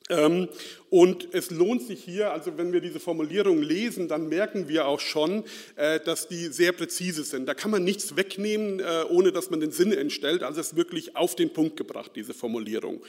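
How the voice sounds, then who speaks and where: A man's voice: fairly high pitch, normal speed, darkish tone. A man from Hesse, preaching an informal sermon in a chatty, self-deprecating way, full of fillers and "ne?" tag questions. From Central Hesse, Germany. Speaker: lay preacher. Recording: reverberant hall.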